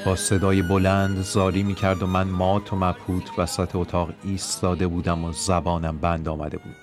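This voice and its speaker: A man reading a first-person story aloud in a measured, steady narration. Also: low voice, music in the background. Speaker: audiobook narrator.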